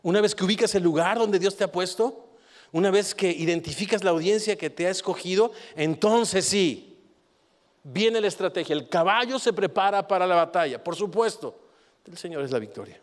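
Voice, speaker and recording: A man preaching a sermon with animated delivery, rising to forceful peaks and dropping to quiet, reflective passages. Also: high voice, moderate pace. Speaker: pastor. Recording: long hall reverb.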